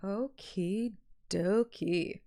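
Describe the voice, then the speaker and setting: This woman, a streamer, speaks very slowly in a mid-range voice with a dark tone while music plays underneath. She reads a game story aloud, alternating first-person audiobook-style narration with offhand asides.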